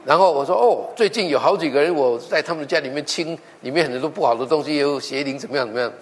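A man's voice: on the high side, fast talker. Male pastor, sermon storytelling that acts out the dialogue, in a reverberant church hall. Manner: animated storytelling, acting out quoted dialogue.

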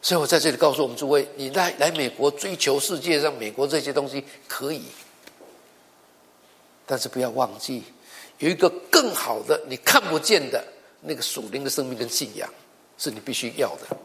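A man's voice: mid-range voice, animated, moderate pace, a bit bright. A middle-aged male pastor preaching a sermon, telling stories with acted-out dialogue and often repeating words as he goes. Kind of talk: sermon with storytelling.

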